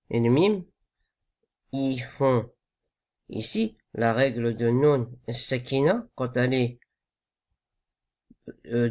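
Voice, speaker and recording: A man's voice: mid-range voice, darkish tone. A man teaching correct pronunciation for recitation, patient and repetitive, modelling each sound again and again. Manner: slow, patient, repeats sounds to correct them. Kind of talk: tajwid lesson.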